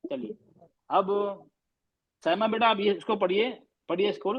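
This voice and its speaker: A man's voice: high-pitched, measured pace, creaky, husky, dull audio. A man teaching a class on pronouncing Arabic letters, patiently repeating and quizzing his students.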